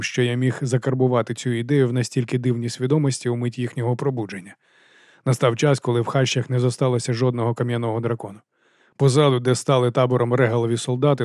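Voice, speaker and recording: A man reading a fantasy audiobook, narrating in a measured first-person storytelling manner. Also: mid-range voice, dark tone, dry recording, clean studio sound.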